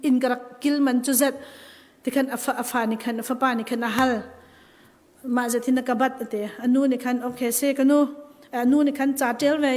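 A woman's voice: sits high, in a large hall. A woman preacher giving a live church sermon with an emphatic delivery that rises and falls. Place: church hall.

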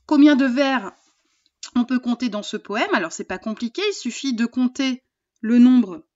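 A woman teacher walks through a poetry lesson in a patient, explanatory way, hesitating now and then with fillers. Her voice sits a little high. The recording is dull and lo-fi. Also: moderate pace, dark tone.

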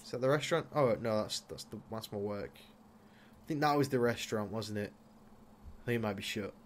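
A young man casually commentating a life-sim game, chatting to his character and breaking into loud exclamations. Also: on the low side, normal speed, slight background noise. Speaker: gaming YouTuber. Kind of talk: casual Let's Play commentary.

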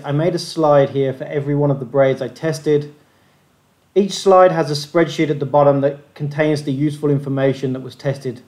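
A man's voice: fairly high pitch, darkish tone. A man hosting a fishing channel, narrating a methodical review of gear tests over slides in a plain-spoken way.

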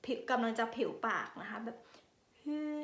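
A woman's voice: fast, a bit bright, reverberant. A woman teaching a pronunciation lesson online, patiently drawing out each vowel sound for learners to repeat. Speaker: language teacher.

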